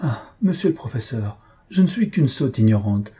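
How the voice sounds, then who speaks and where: Anxious young woman, read by a man, pleading, raised husky voice, mellow tone. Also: medium pitch, big pitch swings, moderate pace. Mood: fervent. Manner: pleading, emotional.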